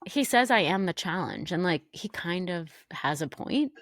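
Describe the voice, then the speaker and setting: A young woman co-hosting a casual recap podcast, chatting quickly and acting out quotes in a raised voice. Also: lowish voice, very animated, no echo, studio quality. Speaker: podcast co-host.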